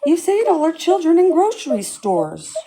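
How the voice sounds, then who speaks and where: A woman's voice: extremely high pitch, huge pitch swings, normal speed, a crowd in the background, voice pushed up, exaggerated voice, poor audio. A woman reading aloud and voicing a tiny, grateful male mayor who speaks eagerly.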